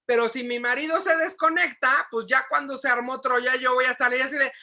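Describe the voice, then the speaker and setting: Woman, psychologist, lively parenting lecture, high voice, bright tone. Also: brisk. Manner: animated, asks the audience questions, acts out shouting. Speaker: psychologist giving a parenting talk.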